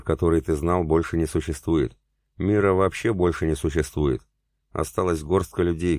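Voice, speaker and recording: Audiobook role: cool, taunting older male commander, very low voice, read by a man. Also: a little mellow, dry recording, studio quality.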